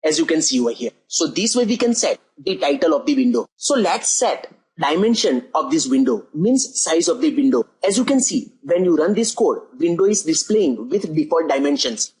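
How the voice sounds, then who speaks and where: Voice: mid-range voice, very animated, moderate pace, a little mellow, husky, low-quality recording. A coding tutor talking through a screen-recorded programming lesson step by step, often repeating "as you can see over here".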